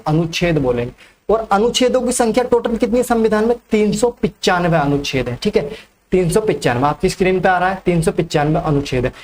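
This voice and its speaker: A man's voice: sits high, a little mellow. Man teaching, answering his own questions. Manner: asks questions and answers them himself; repeats key facts, frequent "ठीक है". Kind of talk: exam-prep lecture.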